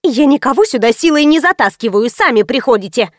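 A woman voicing a stern young female salon owner who gives sharp, commanding orders in an audiobook. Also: high voice, lively intonation, fairly quick, dry recording, clean studio sound.

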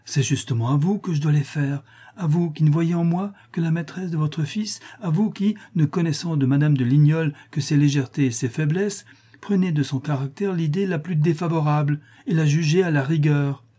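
A man voicing a passionate, impulsive young countess, pleading and effusive, his voice lifted higher. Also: normal speed, warm tone, husky.

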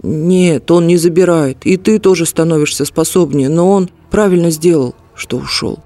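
A man voicing a calm, stern ancient golden dragon in an audiobook, measured and unhurried. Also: fairly high pitch, dry recording, faint music behind, close to an everyday voice.

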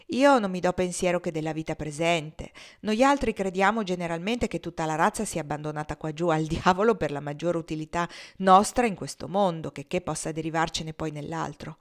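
A woman reading aloud, voicing a sardonic wealthy gentleman who laughs mockingly as he talks. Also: on the low side, brisk, few pauses, natural voice. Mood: amused, cynical. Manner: mocking, laughs while talking. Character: sardonic wealthy Southern gentleman, cynical, amused.

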